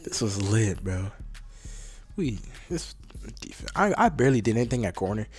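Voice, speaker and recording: A young man giving casual, slangy, excitable commentary on his old game footage. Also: fairly low pitch, moderate pace. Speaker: vlogger.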